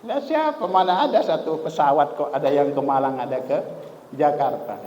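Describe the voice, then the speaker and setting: Animated male preacher in an echoey hall. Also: a little high, normal speed. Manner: lively, storytelling with rising emphasis. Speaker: Islamic preacher. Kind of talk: sermon with humorous storytelling. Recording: echoey hall, faint ambient noise.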